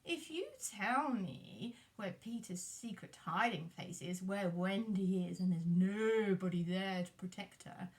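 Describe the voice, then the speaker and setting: A woman voicing a sly, dastardly pirate captain for a puppet show, with drawn-out wheedling and a theatrical villain's manner. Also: mid-range voice, animated, pitched below the performer's own voice, natural voice.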